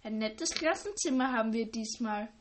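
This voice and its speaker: Woman doing cheeky tomboy schoolgirl, matter-of-fact, high voice, storybook. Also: animated, normal speed, natural voice. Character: cheeky boyish teenage schoolgirl.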